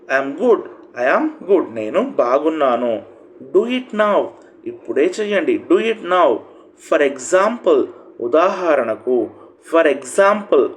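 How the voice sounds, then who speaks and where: A man's voice: on the high side, slight background noise. Telugu-accented man teaching English phrases. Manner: stresses each English phrase in a raised voice, then gives the Telugu meaning. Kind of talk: phrase-by-phrase language lesson.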